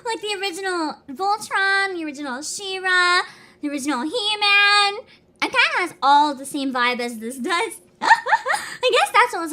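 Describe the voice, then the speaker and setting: A woman chatting casually on a reaction livestream, excitable, giggly and given to exclaiming as she hosts. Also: high voice. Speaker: streamer, host.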